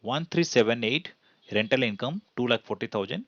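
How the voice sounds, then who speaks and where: This male accounting instructor, Indian-accented, walks through a slide-based tutorial, asking his own questions and supplying the answers as he explains. He speaks briskly and expressively at medium pitch with a slightly bright tone, captured dry with no room sound but muffled.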